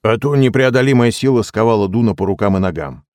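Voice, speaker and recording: A man reading an audiobook in steady, measured storytelling narration. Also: lowish voice, no echo, studio quality. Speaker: audiobook reader. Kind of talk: scripted narration.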